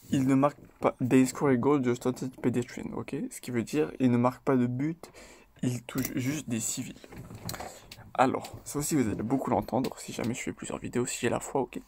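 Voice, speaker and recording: A man hosting his own video, talking through rap lyrics in a loose, chatty way, hesitating often and tagging his points with quick check-ins. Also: medium pitch, darkish tone, a little hiss or hum. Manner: loose and chatty, tags lines with "ok?" and "voilà"; hesitant, with frequent fillers and restarts. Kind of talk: casual spoken commentary.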